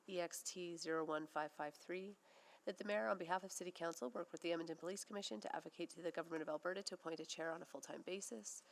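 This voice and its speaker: A woman city councillor with a scratchy, hoarse voice, moving formal motions at a council meeting in a council chamber. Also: lowish voice. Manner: reads formal motion wording at a brisk clip.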